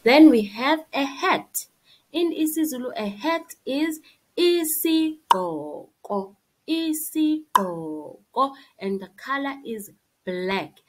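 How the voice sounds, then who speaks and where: A woman with a South African accent teaches beginners very slowly, in the simple way one reads to a toddler. Her voice is fairly high and swings up and down in a lively way as she repeats each word and phrase. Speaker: isiZulu language teacher. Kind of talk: slideshow vocabulary lesson for young beginners, bilingual.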